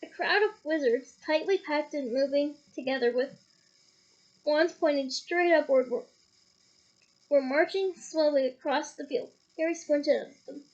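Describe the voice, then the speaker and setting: High-voiced woman reading a novel aloud. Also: a little slow, a little mellow, lo-fi sound. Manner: casual, stops to comment and laugh. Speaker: audiobook reader.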